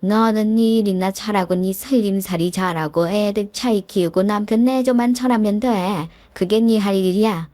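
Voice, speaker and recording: A woman's voice: medium pitch, normal speed, few pauses, mellow, close to an everyday voice. A woman voicing a lecturing mother-in-law who tells her daughter-in-law what her duties are. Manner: preachy, lecturing.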